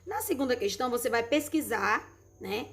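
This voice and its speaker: A woman's voice: on the high side, lively intonation, fairly bright tone. Affectionate Brazilian schoolteacher woman. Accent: Brazilian Portuguese. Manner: affectionate, repeats words slowly for children. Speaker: primary school teacher. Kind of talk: recorded remote lesson correction.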